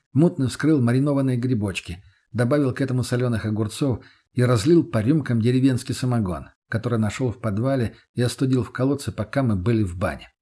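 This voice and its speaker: Husky male audiobook narrator. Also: mid-range voice, dark tone.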